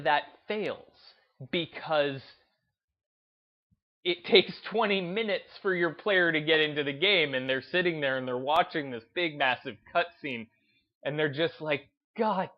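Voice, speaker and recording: On a gaming channel, a man offers off-the-cuff opinions in halting, emphatic short bursts. His pitch is medium and the sound is lo-fi.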